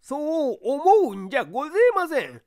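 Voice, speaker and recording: In an audiobook character reading, a woman voices a simple, earnest old male servant with a thick rural dialect. She pitches her voice high, above her own, and it's very animated and a little mellow, at normal speed.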